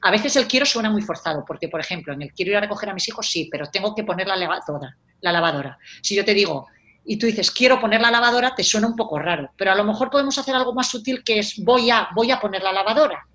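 Woman, life coach, animated, acts out example phrases, conversational. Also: medium pitch, fast.

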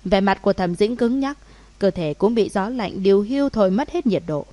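Woman reading a romance story, measured pace, very dry mic. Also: mid-range voice, expressive, mellow, no room sound. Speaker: audiobook narrator. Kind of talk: scripted narration.

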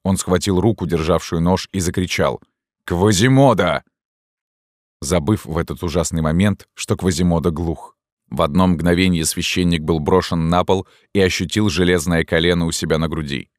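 Man narrating an audiobook, super deep voice, dry close recording. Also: fairly even intonation, a little fast, no echo.

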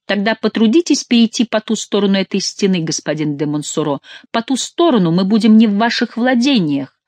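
A woman's voice: mid-range voice, expressive, fairly quick, darkish tone, no echo, pitched above the performer's own voice, lightly acted. A woman voicing a mocking, ironic young male nobleman in an audiobook, with a teasing, mock-polite manner.

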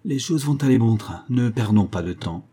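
Pompous middle-aged bachelor, voiced by a man reading, emphatic, solemn, husky, mellow. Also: mid-range voice, animated, normal speed.

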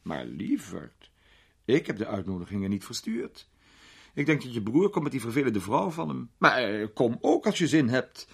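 A man voicing a sharp-tongued old duchess and grandmother, gossipy and doting, in a storybook reading. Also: medium pitch, very animated, moderate pace, creaky, breathy edge, pitched above the performer's own voice, exaggerated voice. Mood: tart.

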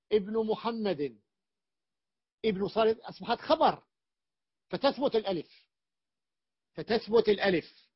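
A man teaching Arabic grammar as a sheikh, explaining slowly and repeating his points with fillers and restarts. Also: sits high, husky, no echo, highs cut off. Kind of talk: classroom lecture.

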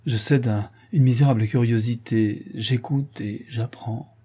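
A man reading an audiobook and voicing a remorseful young soldier making a halting confession. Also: mid-range voice, fairly even intonation, dark tone, breathy edge. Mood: ashamed.

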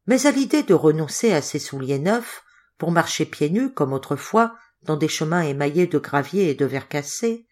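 A woman narrating a storybook aloud. Her voice sits fairly low and her reading is measured and expressive. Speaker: audiobook reader.

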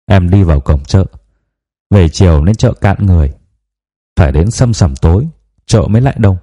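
A male audiobook narrator reading a first-person novel in a confiding, reflective way. His voice sits very low and sounds mellow and warm. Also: lively intonation, moderate pace.

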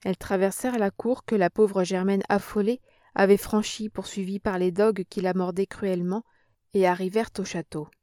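A woman reads a novel aloud in a steady, expressive way. Her voice sits at a middle pitch for a woman. The sound is dry and close to the mic. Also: moderate pace, no room sound. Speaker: audiobook narrator. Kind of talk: novel reading.

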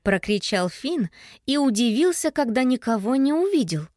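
A woman narrating a children's storybook aloud in an expressive, lively storytelling manner. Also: on the high side, normal speed, dry recording, clean studio sound. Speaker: audiobook narrator.

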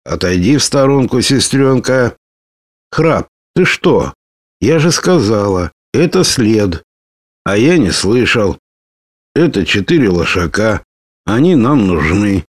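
A man voicing a lively, bold young woman warrior who talks brashly and teases. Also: on the low side, slow, dry recording, exaggerated voice. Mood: cheerful. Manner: brash, teasing, excitable.

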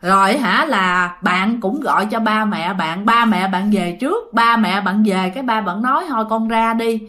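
A woman with a Southern Vietnamese accent tells a ghost story casually, chatting straight to her listeners. Her voice is medium-pitched, pushed and bright, at normal speed.

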